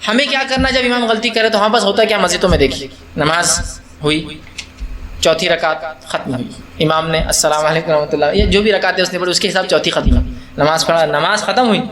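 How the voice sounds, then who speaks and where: A male Islamic preacher with a high, slightly bright voice answers audience questions during a religious talk, recorded with reverberation. He explains things step by step, poses rhetorical questions, and mixes English words into his speech.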